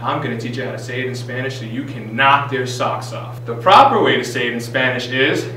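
A teenage boy hosting a deadpan comedy sketch, sliding into fast threatening Spanish. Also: mid-range voice, very echoey, recorded from a distance, slight background noise, low-quality recording. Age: teens. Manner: switches into rapid threatening Spanish. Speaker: comedy segment host.

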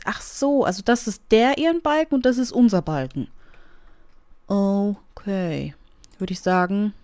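A woman giving casual gameplay commentary, excitable and often squealing and gasping. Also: medium pitch, no room sound. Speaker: let's play gamer.

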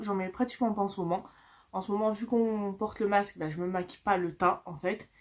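A young woman from France chatting through a casual makeup review, filmed on a phone at home, with lots of fillers and restarts. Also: mid-range voice. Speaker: beauty vlogger. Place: indoors at home with a lamp behind her. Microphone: phone camera.

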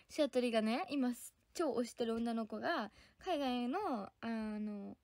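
A bubbly young woman hosts a casual livestream, chatting with her viewers and tossing in English words. Her voice sits high and bright. The sound is close and dry, with no room around it. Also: no room sound. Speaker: livestream idol host reading viewer comments.

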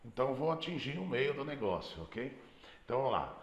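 A man's voice: medium pitch, big pitch swings, a little fast, reverberant, lo-fi sound. A man teaching a beginner piano lesson, explaining patiently and singing out note names as he plays. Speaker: music teacher.

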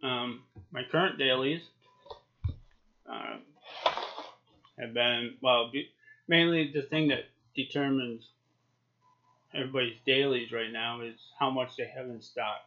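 A YouTube reviewer in his forties, a man, talks to camera in a small home office with a lip full of dip, keeping it casual and chatty. He speaks unhurriedly in a mid-range voice with fairly even intonation and long pauses. The recording has dull, lo-fi webcam sound.

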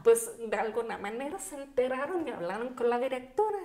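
A young woman, a podcast guest telling a personal story in a lively, casual way, full of fillers and quoted asides. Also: fairly high pitch, a little fast. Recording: echoey room.

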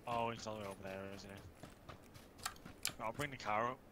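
A man's voice: on the low side, brisk, sharp tone. A man muttering calls and curses to his squad while gaming. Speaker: gamer. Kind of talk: casual squad callouts. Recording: noisy game audio. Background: gunfire.

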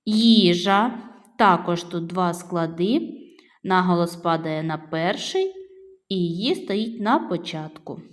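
A woman's voice: fairly low pitch, expressive, slow pace. A middle-aged woman teaching young children a phonics lesson, patiently drawing out each word as she sounds it. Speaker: primary school teacher. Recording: echoey room with long reverb.

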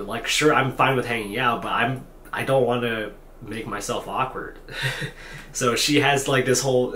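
This medium-pitched, slightly bright male voice belongs to a weary twenty-something vlogger speaking off the cuff to a desk-distance camera in a cramped hotel room. He rambles, jokes at his own expense, and keeps restarting amid frequent fillers. There's a little hiss or hum, plus echo and faint room ambience.

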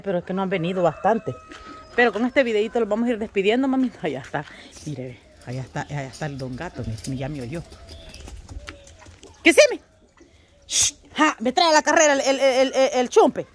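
A woman talking casually to her viewers while tending her animals outdoors, chatty and quick to scold her dogs. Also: medium pitch, a little hiss or hum. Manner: chatty, calls viewers "mamita", shouts and scolds pets. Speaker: vlogger. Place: outdoor yard with chickens, dogs and a cat.

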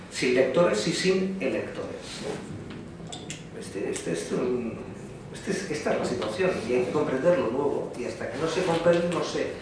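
A man giving an emphatic public talk full of rhetorical repetition in a university lecture hall. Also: medium pitch. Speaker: conference speaker. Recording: echoey hall from far off, noisy.

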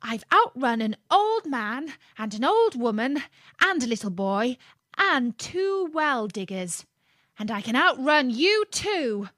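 A cocky little gingerbread man crows his boasts in a high, bouncing singsong, as a woman storyteller puts him on. He sounds pleased with himself and keeps getting louder, like a storybook runaway. The sound is close and dry. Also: sing-song, slow pace, no room sound, heavily acted. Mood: boastful. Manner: bragging, shouted singsong.

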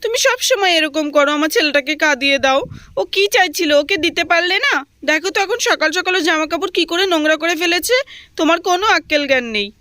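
A woman voicing a scolding young village wife and mother in a doll story, sharp and nagging. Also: very high voice, quick pace, no room sound, clean studio sound, pitched above the performer's own voice.

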